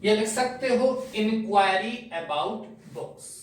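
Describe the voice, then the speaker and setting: A high-voiced man teaching slowly and step by step, asking a question and then answering it himself. He sits well back from the mic in a very echoey room. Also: lively intonation, distant mic. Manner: explains step by step, asks and answers his own questions. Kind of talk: classroom lesson.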